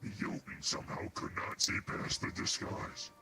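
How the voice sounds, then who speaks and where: Man, very low gravelly voice, crisp forceful edge, slow rambling delivery, faint music behind. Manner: slow, rambling, with filler pauses. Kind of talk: casual explaining of myths.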